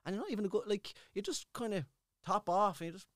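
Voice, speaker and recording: A man's voice: high voice, expressive, fast talker, no room sound, clean studio sound. A man with an Irish accent chatting casually, rambling and swearing freely as he tells stories. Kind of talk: casual chat.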